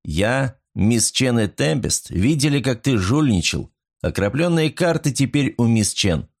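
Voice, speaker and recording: An indignant young lord, voiced by a male narrator blusters and exclaims at a cheat. His pitch leaps up on each outburst. It is an audiobook scene. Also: sing-song, measured pace, creaky, a little mellow, heavily acted.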